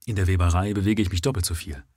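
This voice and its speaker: A man voicing an exhausted young factory worker who speaks softly, calmly and without passion. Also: low voice, racing, no echo, clean studio sound. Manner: calm, soft and passionless.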